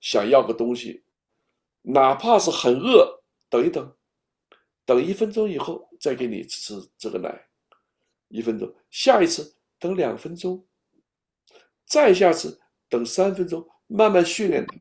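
A man giving a patient, step-by-step talk on raising children, at times speaking straight to an imagined baby and dropping to a soft whisper. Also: on the high side, very animated, measured pace, creaky, pauses often. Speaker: parenting speaker.

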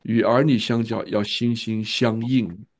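A male pastor tells a story in sermon style, earnest and repeating key phrases. His voice is gravelly, with a husky edge. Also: fairly low pitch, fairly even intonation, unhurried.

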